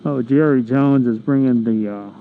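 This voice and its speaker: A man's voice: mid-range voice, moderate pace. A middle-aged American man rambling casually to himself in a motovlog, talking from inside a motorcycle helmet. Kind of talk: casual rambling vlog monologue. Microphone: helmet microphone. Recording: muffled helmet mic, loud road and engine noise. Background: vehicle and wind noise.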